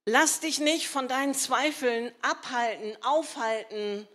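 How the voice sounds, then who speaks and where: A woman's voice: sits high, slow, fairly bright tone. A woman preaching a sermon in an earnest, emphatic, conversational way, with rhetorical asides to the congregation.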